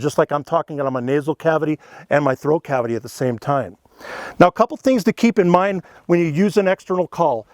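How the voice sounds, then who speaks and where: A man's voice: a little high, no echo. A middle-aged man giving a casual, folksy lesson, explaining things step by step with friendly asides. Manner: folksy, earnest, explains step by step with "you know" and "okay". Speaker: elk calling instructor. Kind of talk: casual instructional demonstration.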